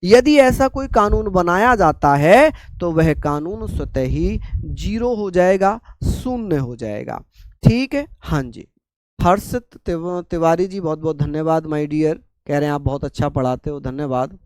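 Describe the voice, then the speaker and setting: Despite an infected, painful throat, this Indian teacher runs his live online lesson at an unhurried, calm pace, going over points again and quizzing the class. He sounds a little high, with no room sound.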